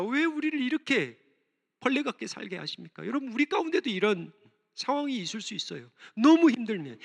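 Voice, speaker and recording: Pastor, male, high bright voice preaching with passion in a church hall with long reverb. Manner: impassioned, voicing prayers aloud, rising and falling sharply. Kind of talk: sermon. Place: church sanctuary.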